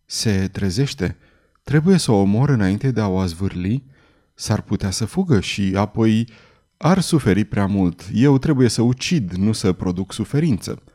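A man's voice: fairly low pitch, animated. A man voicing a hulking, tormented executioner in an audiobook, shifting from trembling mutters to anguished cries. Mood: fearful, muttering. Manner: swings between trembling murmurs and anguished shouts. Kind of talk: audiobook character voice.

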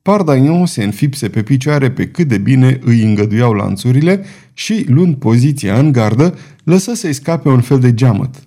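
Un narator bărbat care citește un roman de aventuri cu dramatism și intonație foarte vie. Timbrul e cald și domol, cu înălțime obișnuită. Lectura are ritmul unei cărți audio bine jucate. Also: male voice, medium pitch. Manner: expressive, dramatic storytelling. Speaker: narrator. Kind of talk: audiobook narration.

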